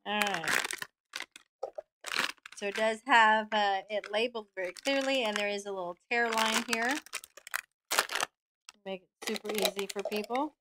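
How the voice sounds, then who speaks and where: A middle-aged woman giving a casual product review to camera, speaking informally and haltingly into a desk microphone. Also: mid-range voice, heavy background noise. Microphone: desk microphone close in front, seen.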